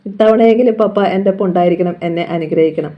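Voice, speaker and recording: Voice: medium pitch, fast talker, natural voice. The reader voicing a grieving young mother. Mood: pleading. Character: grieving young mother praying at her father's grave. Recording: dull lo-fi recording.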